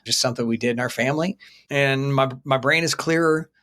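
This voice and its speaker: A man in his forties co-hosting a podcast, with a voice of ordinary pitch. He talks in a calm, steady, measured way. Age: 40s. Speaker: podcast co-host. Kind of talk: casual podcast talk.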